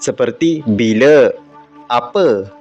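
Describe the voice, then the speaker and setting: A man with a Malaysian Malay accent teaching an online class, reading example sentences aloud slowly and patiently. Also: mid-range voice, lively intonation, darkish tone, dull audio, soft background music. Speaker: religious school teacher.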